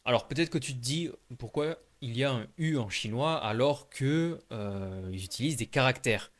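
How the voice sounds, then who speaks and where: A man's voice: medium pitch, moderate pace. A man giving a casual video lesson on pronunciation, speaking directly and informally to the viewer and demonstrating sounds aloud. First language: French. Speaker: Chinese language teacher.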